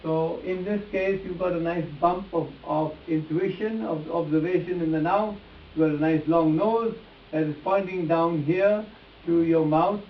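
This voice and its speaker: In a muffled, hissy recording made at a distance in an echoey room, a man teaches face reading through a live demonstration. His voice is high-ish with fairly even intonation and an unhurried pace, and he speaks emphatically, repeating phrases as he turns to address volunteers.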